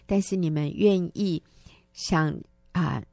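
Low, gravelly woman hosting a talk show. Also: takes it slowly, no echo, studio quality. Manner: warm, affirming, summarizing in short phrases. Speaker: host.

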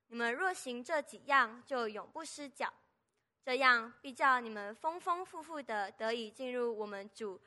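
A woman reading scripture aloud and introducing the preacher in a measured, formal way. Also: on the high side, bright, forceful tone. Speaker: scripture reader and announcer.

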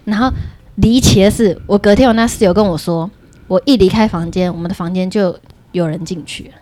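A woman with a Taiwanese Mandarin accent, telling a story in casual podcast chat, animated and acting out what others said. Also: mid-range voice, a little fast. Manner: animated, acts out quoted voices, laughs often. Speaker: podcast co-host.

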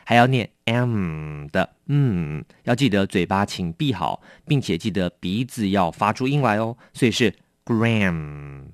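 A man with a Taiwanese Mandarin accent teaches English vocabulary in a dry, close recording. His fairly low voice moves up and down a great deal. He explains patiently and says each word slowly several times. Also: lively intonation, no echo. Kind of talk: vocabulary lesson.

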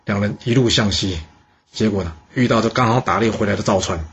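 A man telling a history story in a lively, chatty way. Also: on the low side, slight background noise. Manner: lively, chatty, drawn-out particles. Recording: dull lo-fi recording.

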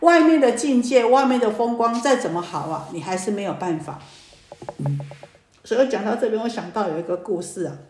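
A woman teaching as a Buddhist Dharma teacher, telling stories in a lively, animated way with many drawn-out fillers. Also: mid-range voice, slight background noise. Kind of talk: sermon with storytelling. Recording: echoey room.

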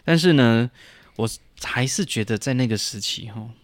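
A man, co-hosting a podcast and telling stories in a lively, laughing way. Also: mid-range voice, normal speed, dry recording. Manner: animated, laughing storyteller. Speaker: podcast co-host. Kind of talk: casual chat, storytelling.

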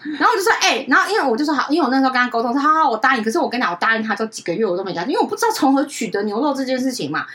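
Female podcast co-host, quick, slightly high, lively storyteller. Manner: animated, keeps asking "you know?"; jumps into high-pitched voices when quoting others. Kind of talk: casual chat storytelling.

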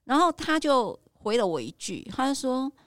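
A woman's voice: sits high, big pitch swings, normal speed, a bit bright, smooth, no room sound, studio quality. A middle-aged woman with a Taiwanese Mandarin accent, hosting a casual chat, asking questions and laughing often. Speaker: host.

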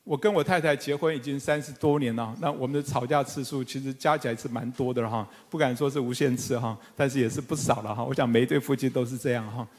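A middle-aged man pastor preaching a sermon, animated and fervent, with humorous asides to the congregation. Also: medium pitch, fast talker, hardly any pauses. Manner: animated, rising to fervent emphatic calls. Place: church sanctuary with congregation. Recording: long church hall reverb.

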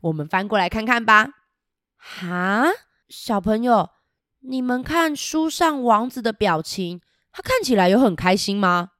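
A woman storyteller, reading a picture book to children in an animated way, often asking them questions and adding playful sound effects. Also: medium pitch, measured pace, no room sound, clean studio sound.

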